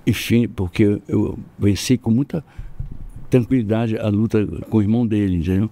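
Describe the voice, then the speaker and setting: A man's voice: moderate pace, slight background noise. Older Brazilian man telling fight stories. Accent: Brazilian Portuguese. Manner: animated, acts out quoted voices with jumps in pitch. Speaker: interview guest, jiu-jitsu master. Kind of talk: storytelling in casual interview.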